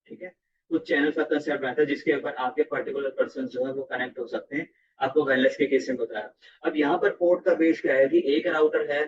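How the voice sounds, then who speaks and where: A man's voice: a little high, far from the mic, slight background noise. A man teaching networking in a classroom-style tutorial, often checking in with the listener as he explains. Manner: repeats "theek hai" and addresses the viewer constantly. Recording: dull sound from off the mic.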